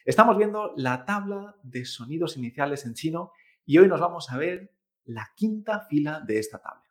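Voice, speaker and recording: A man's voice: fairly high pitch, lively intonation, moderate pace. A man teaching Chinese pronunciation in an online lesson, patiently demonstrating sounds and checking in with his learners.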